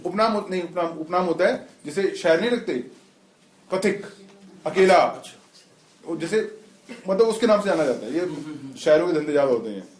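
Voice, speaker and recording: A man's voice: a little high, animated, normal speed. A middle-aged man teaching a class informally, explaining terms and asking the students questions. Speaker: spiritual teacher. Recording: echoey room.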